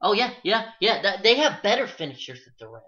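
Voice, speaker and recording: A man co-hosting a casual sports podcast, talking fast and heating up into an exasperated rant. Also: high-pitched. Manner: animated, rising to an exasperated rant. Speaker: podcast co-host. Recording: dull lo-fi podcast audio.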